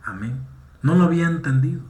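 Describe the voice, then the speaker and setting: A man's voice: on the high side, lively intonation, fairly quick, darkish tone. Man preaching in an echoey room. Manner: preaching with frequent "amén" and "¿sí?" to the congregation. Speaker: pastor. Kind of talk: sermon.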